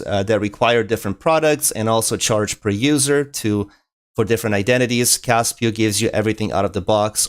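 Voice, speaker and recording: Male livestream host presenting a software webinar. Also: medium pitch. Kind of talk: live webinar presentation with slides.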